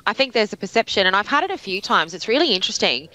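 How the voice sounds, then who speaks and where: This is an Australian woman chatting as a podcast guest, her voice bright and forceful. She talks in quick, candid runs with a lot of energy. The sound is dry and close. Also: medium pitch, dry recording, rough recording. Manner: energetic, fast-flowing and candid. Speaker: podcast guest, veterans recruiter. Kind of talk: casual podcast chat.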